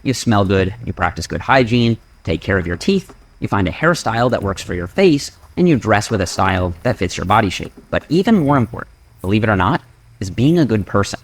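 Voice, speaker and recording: A man narrating a scripted fitness explainer in a measured, data-driven way. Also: lowish voice, animated.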